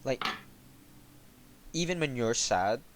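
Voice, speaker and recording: A man hosting a casual chat about developing a game, talking in a monotone with lots of halting fillers. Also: mid-range voice, noisy background.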